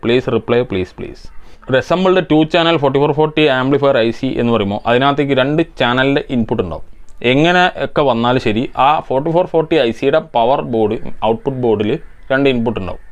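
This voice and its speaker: Fast-talking man explaining electronics repair. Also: mid-range voice. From India. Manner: methodical, explains step by step. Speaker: electronics repair channel host. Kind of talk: answering viewer comments, technical explanation.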